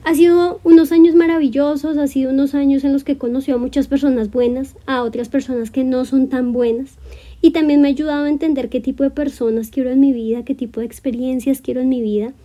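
A woman in her twenties hosting a solo podcast, speaking gently and encouragingly straight to her listener in a reflective monologue. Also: high voice, fairly even intonation, fast. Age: 20s. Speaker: podcast host.

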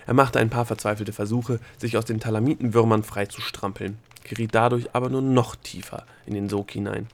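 A man reading narration in an audiobook, with an even storytelling delivery. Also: lowish voice, fairly quick, hardly any pauses. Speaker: audiobook reader. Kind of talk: scripted narration.

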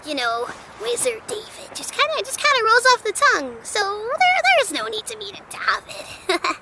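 A woman's voice: extremely high pitch, huge pitch swings, moderate pace, few pauses, heavy background noise, exaggerated voice. A woman voicing a cheery female bard companion in a tabletop game, with airy, giggly remarks.

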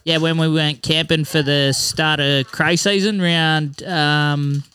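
Bright, clear Australian bloke chatting casually. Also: male voice, fairly high pitch, steady tone, slow pace. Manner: blokey, sweary, teasing slang-filled talk. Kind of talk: casual chat.

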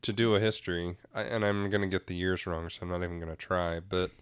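A man casually co-hosting a podcast, explaining comic history in a relaxed, talkative way. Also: low voice, quick pace, clear, resonant tone, dry recording. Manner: relaxed, explanatory, laughs easily. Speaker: podcast co-host. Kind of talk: casual chat about comics.

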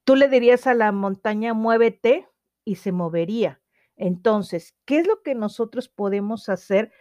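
An earnest woman speaks to her listener on a devotional podcast. She reads passages at a steady pace and turns to them with direct questions. Her voice sits at a middle pitch, recorded close and dry with no room sound. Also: normal speed, dry recording, highs cut off. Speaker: podcast host.

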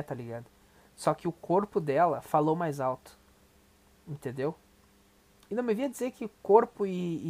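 A man's voice: a little high, darkish tone. A young adult man with a Brazilian accent, hosting a podcast and giving casual, profane, rambling reaction commentary. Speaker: podcast host.

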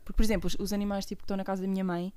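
A woman's voice: medium pitch, little pitch movement, racing, dark tone, clean tone, no room sound, studio quality. A woman of about twenty with a European Portuguese accent, talking casually and slangily as a podcast co-host. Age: around 20. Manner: informal, slangy. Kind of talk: casual chat.

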